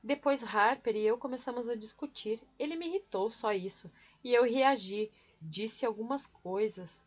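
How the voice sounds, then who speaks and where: A woman's voice: fairly high pitch, normal speed, lightly acted. Woman reading as a sulky, stubborn young woman. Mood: shaken. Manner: sulky, defensive.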